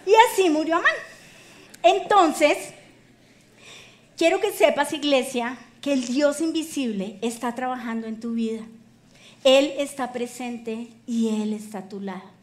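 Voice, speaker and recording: Lively, high-voiced woman preacher. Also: normal speed. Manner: lively storytelling, colloquial humor. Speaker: pastor. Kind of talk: sermon.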